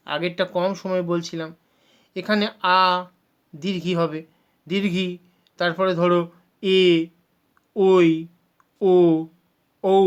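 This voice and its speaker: A man's voice: sits high, a bit bright, clear, resonant tone. A male teacher explains grammar step by step in a patient classroom manner. He stretches out vowel sounds as he demonstrates them. He slips English words into his explanations and speaks of himself as "sir". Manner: mixes English words into speech. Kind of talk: Bengali grammar lesson.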